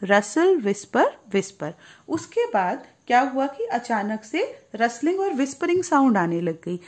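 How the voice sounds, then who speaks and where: A woman teacher works through a storybook lesson, explaining each word patiently for children. Her voice sits fairly high and she takes her time. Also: sing-song, a little slow, a little mellow. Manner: patient, explains words simply, calls listeners child. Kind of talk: storybook lesson, reading English and explaining in Hindi.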